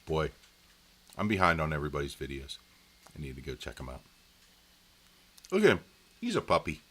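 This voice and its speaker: A man with a deep, low voice chats casually on a live stream from home. He rambles in a friendly, folksy way and talks straight to his viewers. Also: huge pitch swings, fairly quick, fairly bright tone, slight background noise.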